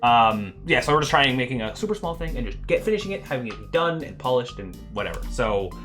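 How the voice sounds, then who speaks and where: A young Canadian man streams his game development with faint music in the background, his fast, medium-pitched voice bright and lively. He chats casually and rambles, laughing often, losing his train of thought, trailing off and starting again.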